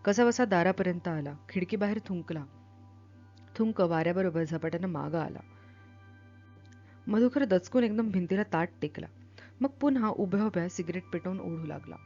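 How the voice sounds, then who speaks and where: A woman reading a novel aloud with expressive, dramatic delivery, then explaining it as a literature teacher. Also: on the low side, moderate pace, long pauses, dull audio, soft background music.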